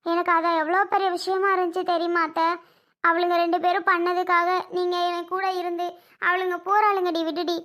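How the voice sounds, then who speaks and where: A woman's voice: very high voice, a bit bright. A woman playing a hurt, stubborn young wife and mother in a family drama skit, talking in an emotional, pleading way. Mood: tearful, grateful.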